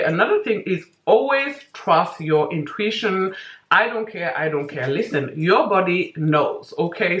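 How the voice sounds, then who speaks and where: A woman's voice: low voice, fairly bright tone, muffled recording. Echoey, emphatic woman chatting while doing makeup. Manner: emphatic, big-sisterly advice-giving with repeated "okay?"; talking while applying makeup. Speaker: vlogger giving life advice. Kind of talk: casual chatty get-ready-with-me monologue. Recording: roomy indoor echo.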